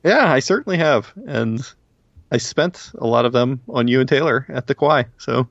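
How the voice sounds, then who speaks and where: Gravelly-voiced joking man co-host. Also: medium pitch, animated, normal speed, fairly bright tone, dry recording, lo-fi sound. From Baltimore County, Maryland. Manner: jokey, laughs often. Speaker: podcast co-host. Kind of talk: casual chat.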